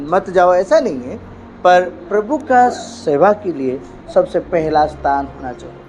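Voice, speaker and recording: An Indian male pastor preaches an emphatic sermon, frequently saying hallelujah and swinging between loud and hushed delivery. His voice sits high, and there's a slight hiss or hum.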